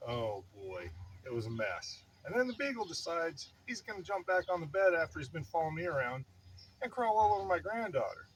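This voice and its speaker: A grandfatherly older man chats casually, slightly out of breath, as if settling in to tell a long story. His delivery rambles, with wry, mock-dramatic self-pity. He is recorded outdoors, with clear background noise and birdsong around him. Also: a little high, very animated, fairly quick, poor audio. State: somewhat breathless. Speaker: vlogger telling a personal story. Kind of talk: casual fireside chat monologue.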